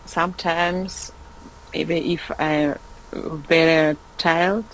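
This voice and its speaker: Hesitant Russian-born woman learner, slow. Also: low voice, steady tone, fairly bright tone, a little hiss or hum, poor audio. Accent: Russian and Austrian. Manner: hesitant, searching for words. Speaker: student. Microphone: video call.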